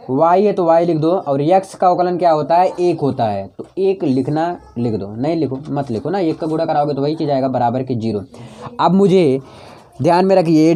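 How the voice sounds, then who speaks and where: His voice is a little high with a dark tone as he teaches a maths tutorial at the board. Coaxing the students forward, he restates each step to hammer it in and asks rhetorical questions only to answer them himself.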